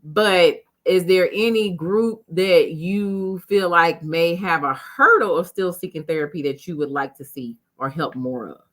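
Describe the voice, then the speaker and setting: A woman with a Southern US accent hosts a live community interview. Her voice is a little low, and she talks casually, sprinkling "you know" through her questions. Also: a little slow, hardly any pauses, fairly bright tone. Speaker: chamber of commerce interview host.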